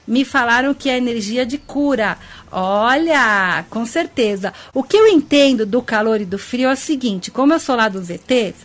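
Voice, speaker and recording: On a web radio talk show about ufology and spirituality, a woman host with a Brazilian Portuguese accent speaks from a studio in an expressive, higher voice at normal speed. She's chatty and affectionate, greeting listeners by name and laughing often.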